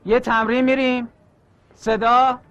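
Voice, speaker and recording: A man doing a squeaky, curt film director. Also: little pitch movement, fairly bright tone. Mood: commanding. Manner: curt, calling out commands.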